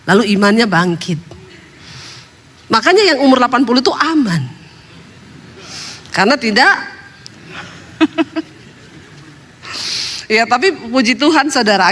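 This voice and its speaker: A woman's voice: on the high side, a bit bright. A woman pastor telling stories in a sermon, chatty and humorous, laughing at her own jokes. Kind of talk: storytelling sermon. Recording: long hall reverb.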